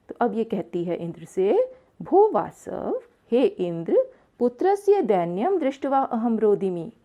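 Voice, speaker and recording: A woman's voice: mid-range voice, warm tone. A woman teaching a textbook lesson, reading each line aloud and explaining it phrase by phrase, repeating words as she goes. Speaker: Sanskrit teacher.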